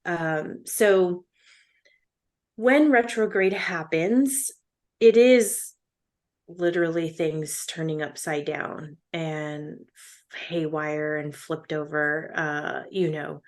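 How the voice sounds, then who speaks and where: Slow-talking woman podcast co-host. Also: low-pitched. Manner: laughs often, chatty with fillers. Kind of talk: casual chat.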